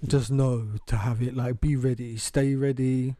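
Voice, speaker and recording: A man's voice: medium pitch, a little slow, dry recording, studio quality. A young man from talking casually on a podcast, swearing freely and laughing as he tells stories. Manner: animated storytelling, swears freely, laughs often. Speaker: podcast co-host. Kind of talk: casual uncensored chat.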